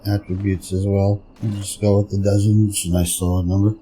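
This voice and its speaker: This man's gameplay commentary is loose and rambling as he thinks aloud while streaming and reviewing. His fairly low voice is mellow, slightly rough and flat, a little fast, and the low-quality recording has video game music in the background.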